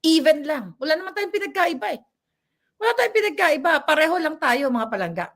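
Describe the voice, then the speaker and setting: A woman doing a casual ranting commentary vlog. She is animated, keeps seeking agreement from her viewers and laughs between remarks. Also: sits high, brisk. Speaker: commentary vlogger.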